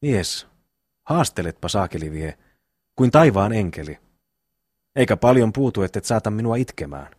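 A man's voice: fairly low pitch, big pitch swings, darkish tone, no room sound, studio quality. A man reading a blunt hot-headed eldest brother. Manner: blunt, quick to threaten.

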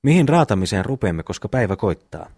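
A man voicing a loud, hot-tempered eldest brother who gives orders and blusters in an audiobook reading. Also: lowish voice, big pitch swings, husky, no echo, clean studio sound, heavily acted. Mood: blustering. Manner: blustering, commanding.

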